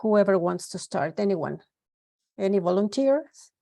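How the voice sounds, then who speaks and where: Steady woman interpreter, mellow tone. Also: medium pitch, creaky, no room sound, studio quality. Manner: steady, measured phrasing with brief self-corrections. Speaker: simultaneous interpreter. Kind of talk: live interpretation into English in a webinar. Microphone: video call.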